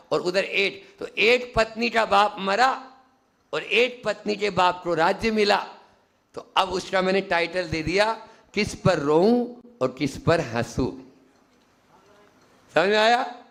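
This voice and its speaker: A man gives a slow, unhurried sermon in a high voice with a gravelly edge. He teaches like a monk at a camp, asking his audience questions and slipping into short acted voices to make his point. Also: a bit bright. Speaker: Jain monk giving a discourse.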